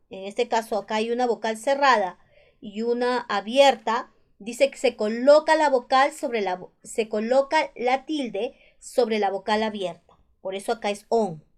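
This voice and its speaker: Patient high-voiced Peruvian woman teaching. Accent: Peruvian Spanish. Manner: patient, repeats each rule slowly. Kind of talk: spelling lesson explained over slides.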